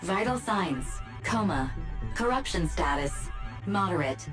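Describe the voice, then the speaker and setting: A woman voicing a calm, gentle female rescue assistant robot in a game, giving measured announcements. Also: on the low side. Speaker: game system voice. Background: game music.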